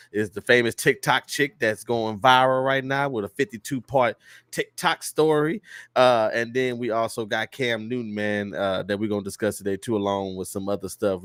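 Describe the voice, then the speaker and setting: A man hosting a casual comedy podcast, telling stories with laughs and animated energy. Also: on the low side, no echo, studio quality. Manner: animated storyteller, laughs often, loud mock-preacher bursts. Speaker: podcast host.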